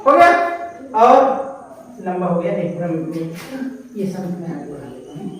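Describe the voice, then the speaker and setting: A woman's voice: on the low side, very animated, normal speed, a crowd in the background. A woman teacher leads a class through sounding out words, asking questions and repeating the answers. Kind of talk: classroom phonics lesson. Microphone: distant camera mic. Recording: echoey classroom from far off.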